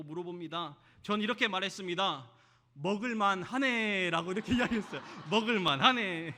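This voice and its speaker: A male pastor from Jeolla gives a Sunday sermon in an easy, chatty manner. He keeps asking the congregation questions and tells light stories that poke fun at himself. His voice sits high for a man and has a sharp, bright edge. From Jeolla, South Korea. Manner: conversational preaching with rhetorical questions and self-deprecating stories.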